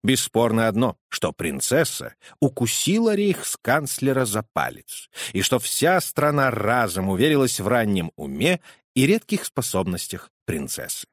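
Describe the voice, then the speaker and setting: A man reading a storybook aloud in an animated, theatrical style. His pitch swings widely from low to high, at a mid-level register. The sound is close and dry. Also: unhurried, no room sound. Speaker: audiobook reader. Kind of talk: expressive storybook narration.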